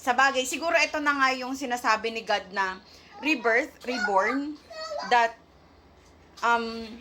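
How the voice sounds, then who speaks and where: A high-pitched woman tells her viewers about her faith in an emotional, halting way, searching for words and switching between languages. She sounds near tears and shaky at times. A faint hiss of noise sits behind her voice. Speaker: vlogger sharing a faith testimony. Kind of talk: emotional casual testimony to viewers.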